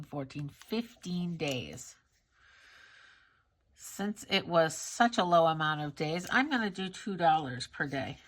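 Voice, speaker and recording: A woman's voice: low-pitched, a bit bright. A woman vlogging about her monthly budget in a casual, candid way, congested from a cold and often trailing off with fillers. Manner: candid, self-critical, chatty with fillers.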